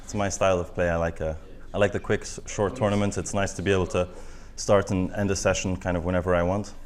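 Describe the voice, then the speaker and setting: A shy man, a poker player, telling the host about his game and a hand in a measured way. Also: sits low, level tone. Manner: shy, measured, explains at length. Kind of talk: casual interview.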